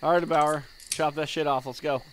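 A man's voice: on the high side, steady tone, normal speed, a bit bright, low-quality recording. A man chatting playfully and joking as he comments on an online game with his friends. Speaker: let's play co-host. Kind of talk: casual chat and game commentary. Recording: faint noise, insects and game ambience.

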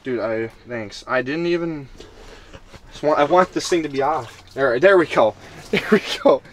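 A young man chatting casually and excitably to the camera as a fishing vlogger inside a tent. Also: on the high side, normal speed, crowd noise. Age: young adult. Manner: excitable, slangy. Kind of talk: casual vlog chat. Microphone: camera a short distance away. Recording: faint noise on camera audio.

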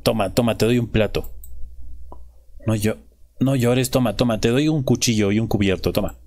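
A young man streaming a game live, joking and talking to the characters, jumping from loud outbursts to hushed whispers. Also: fairly low pitch, moderate pace. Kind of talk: live gameplay commentary.

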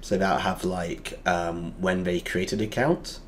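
Guy with a lower voice walking through a whiteboard lesson, lots of ums, slight hiss behind. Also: steady tone, unhurried. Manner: explaining step by step with many fillers. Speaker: teacher.

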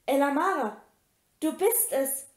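Soft-spoken teasing teen boy in a storybook reading, read by a woman, high, roomy. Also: animated, takes it slowly. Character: smooth-talking teenage boy on the phone. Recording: roomy echo.

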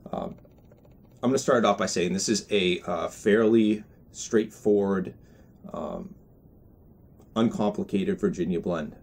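A man in his twenties giving a casual video review in a measured, hesitant way, pausing to find words. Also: sits low, darkish tone, a little hiss or hum. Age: 20s. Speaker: product reviewer. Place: indoors in a small room with bookshelves.

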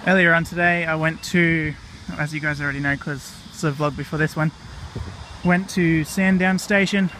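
A man's voice: on the high side, normal speed, rough recording. Chatty Australian guy filming a walk. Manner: chatty, relaxed, with fillers and "righto". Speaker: vlog host. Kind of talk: casual walking vlog narration. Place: outdoors on a disused railway platform in a park. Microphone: handheld camera mic while walking. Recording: outdoor camera audio with clear insect noise.

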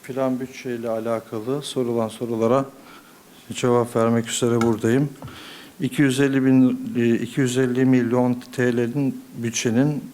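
A man speaking from a podium microphone as a budget committee member, giving a measured, formal explanation with frequent hesitations. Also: medium pitch, flat delivery, a little mellow. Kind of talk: formal council address.

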